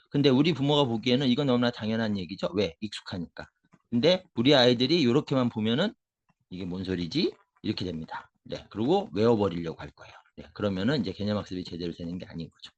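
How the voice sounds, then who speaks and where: Lecturing emphatically to parents, a middle-aged math tutor and education consultant explains a concept by asking questions and then answering them himself. His voice is medium-pitched, and the recording is lo-fi.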